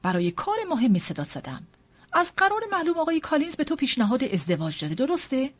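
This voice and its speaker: A wry older father in an audiobook, read by a woman. He speaks in a measured, ironic way, never hurried. The voice has a lively lilt and a touch of huskiness. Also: sits high, voice pushed up. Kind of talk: audiobook character reading.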